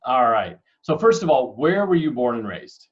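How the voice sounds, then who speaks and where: A man's voice: medium pitch, very animated, moderate pace, lo-fi sound. A young man hosting a casual interview for kids, friendly and upbeat with joking asides. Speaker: host, school staff member.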